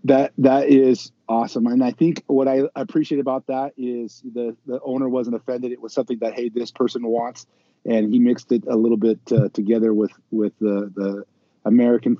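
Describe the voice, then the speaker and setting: A man's voice: mid-range voice, level tone, moderate pace, dry recording. A man who is a guest on a casual podcast, talking thoughtfully and telling stories. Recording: dry, dull lo-fi audio.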